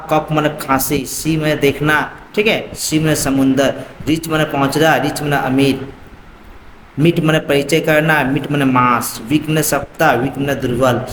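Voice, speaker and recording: A man's voice: on the high side, a bit bright, a little hiss or hum. A man teaching a school lesson, mixing Hindi and English and repeating a checking phrase often. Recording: echoey room with faint ambience.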